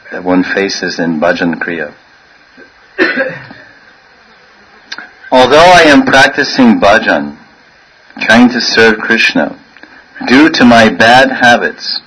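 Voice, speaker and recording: Male spiritual teacher, husky and bright, playful sermon delivery with frequent laughter. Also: lowish voice, low-quality recording. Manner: playful, laughs often, acts out voices.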